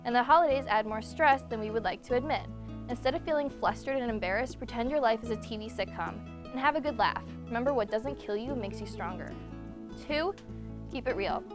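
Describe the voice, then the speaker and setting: A young woman hosting a segment in a scripted presenter style, giving advice in a brisk, list-like way. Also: fairly high pitch, music in the background. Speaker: segment host.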